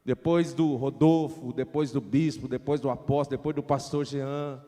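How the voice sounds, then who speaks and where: A man preaching in a Pentecostal church with a Brazilian accent, switching between fervent shouted prayer and chatty asides. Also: mid-range voice, fairly even intonation, normal speed. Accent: Brazilian Portuguese. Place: church hall. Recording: church hall reverb with faint music.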